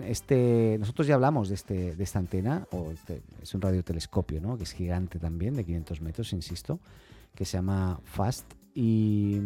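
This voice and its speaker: A man's voice: low voice, dark tone. A man hosting a tech news podcast, talking casually with many fillers and restarts. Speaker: podcast host.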